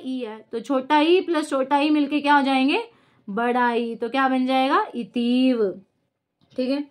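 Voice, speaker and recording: A young woman teaching a lesson as she writes out examples, asking the class a question and then answering it herself. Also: high voice. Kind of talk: casual whiteboard lesson.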